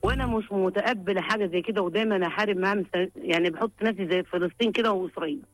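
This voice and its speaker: Calling for advice, an older Upper Egyptian woman pours out her personal hardship, pleading, emotional and repeating herself. Her mid-range voice races along, heard without room sound over faint background music.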